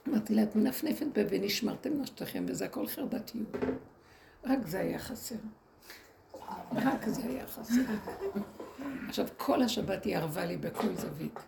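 Woman rebbetzin addressing women, lively storyteller with a gravelly edge; noisy live capture. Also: mid-range voice. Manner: animated, acts out quoted people. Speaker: rebbetzin teaching a women's group. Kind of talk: storytelling talk to an audience. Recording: noisy room recording.

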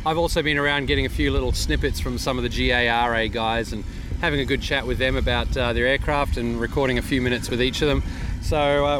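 An Australian man co-hosts casually, with a mid-pitched voice and a matey, effusive manner. He is recorded outdoors, with clear engine and ambient noise behind him. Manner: informal, matey, effusive thanks. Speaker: podcast co-host. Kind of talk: casual chat. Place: outdoors at an air show. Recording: noisy outdoor site with engine rumble.

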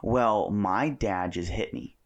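A young man in casual podcast chat, relaxed and conversational, sprinkling in "like" often. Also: fairly low pitch, slow, a loud crowd.

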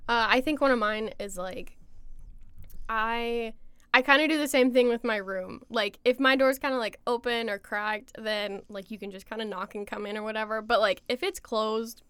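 Bright giggly young woman. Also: on the high side, normal speed, clear, resonant tone, no echo. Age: young adult. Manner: giggly, self-deprecating, lots of "like" fillers. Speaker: podcast co-host, college student. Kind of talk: casual chat.

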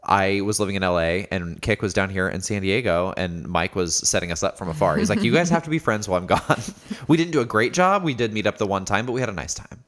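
A man's voice: low-pitched, lively intonation, fast talker, few pauses, fairly bright tone. A man hosting a podcast in a casual, joking chat, laughing often. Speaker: podcast host.

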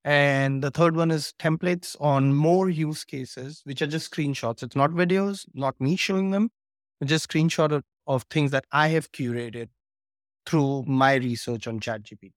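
Speaking unhurriedly in a voice on the high side, a guest course creator chats casually in an interview over a video call. He walks through his material step by step with eagerness, and the audio is studio quality with no room sound.

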